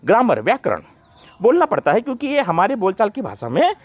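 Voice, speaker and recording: Lively-voiced man teaching grammar. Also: high-pitched, no room sound. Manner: explains slowly, listing word pairs one by one. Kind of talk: classroom-style grammar lesson.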